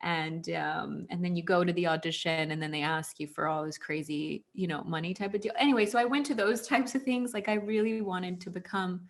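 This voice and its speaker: A Houston, Texas woman in her thirties, a former actress, chats as an interview guest, casually telling personal stories with lots of "like" and "you know." Her voice sits on the low side and sounds gravelly, and she talks briskly with few pauses.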